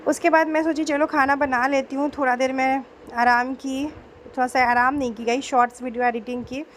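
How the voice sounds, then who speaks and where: Young female home vlogger, sore throat, gentle chatty voice-over, faint background hiss. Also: high-pitched, flat delivery, brisk. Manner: chatty, homely, mixes in English words. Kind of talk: casual voice-over narration.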